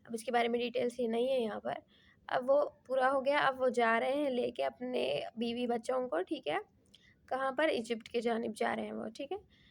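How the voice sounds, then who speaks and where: High-voiced woman teaching Quran tafseer. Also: steady tone, creaky. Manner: recites Arabic verses slowly, then explains in Urdu mixed with English words; frequent filler checks and self-corrections.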